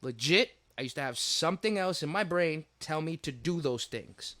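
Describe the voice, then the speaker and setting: A young man co-hosting a podcast, telling childhood stories in a loose, animated way and acting out the voices. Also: fairly high pitch, normal speed. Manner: animated storyteller, acts out voices, laughs often. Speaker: podcast co-host. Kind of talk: casual chat.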